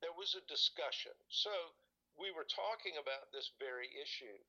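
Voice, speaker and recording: Hesitant, bright-voiced man rambling through memories. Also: a little high, lively intonation, normal speed, highs cut off. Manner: rambling, hesitant, searches for words. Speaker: guest recalling church experiences. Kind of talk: casual conversation.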